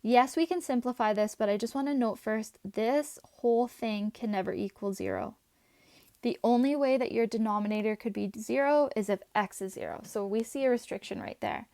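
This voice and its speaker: A woman teaching a math class, chatty and talking her students through each step as she writes, her voice a little hoarse. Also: fairly high pitch, moderate pace, dark tone, no echo. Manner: chatty, talks while writing, asides to students. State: voice going, slightly hoarse.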